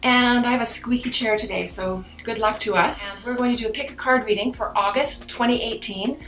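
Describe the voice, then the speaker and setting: A woman's voice: fairly high pitch, fairly quick, a bit bright, roomy sound, rough recording. A woman doing a card reading to camera like a fortune teller, chatting directly to viewers in a mystical new-age way. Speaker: tarot and oracle card reader hosting her own channel.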